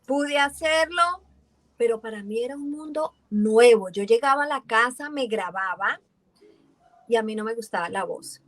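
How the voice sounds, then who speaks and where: Animated Colombian woman telling her story. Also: a little high, normal speed, no echo. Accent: Colombian, Valle del Cauca. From Valle del Cauca, Colombia. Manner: animated storytelling, acts out quoted voices. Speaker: voice actress guest. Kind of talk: casual interview chat.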